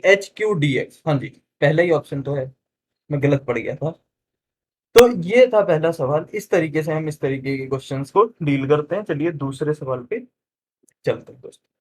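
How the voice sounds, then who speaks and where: A man teaching exam reasoning questions in a chatty way, calling viewers friends, checking they follow and slowing down to read out each statement. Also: fairly high pitch, husky. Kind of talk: explaining solved exam questions.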